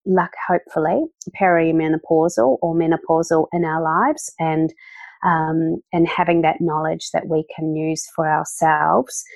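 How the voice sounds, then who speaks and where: A woman's voice: low-pitched, vocal fry, darkish tone, no echo. Enthusiastic woman, dry close sound. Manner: enthusiastic, rambling with fillers. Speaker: event organizer, podcast guest. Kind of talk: casual interview talk.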